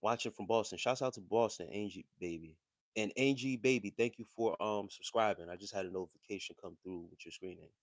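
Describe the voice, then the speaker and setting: A man's voice: fairly low pitch, dry recording, clean studio sound. A man hosting a livestream, talking casually and reading chat messages in a loose, slangy, conversational way. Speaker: livestream host.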